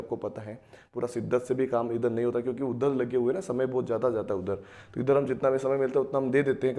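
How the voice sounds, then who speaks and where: Teaching math to kids, this man walks through each step, asking questions and then answering them on his own. His voice sits in the middle range with a slightly mellow quality, and he addresses the students as children while repeating important phrases.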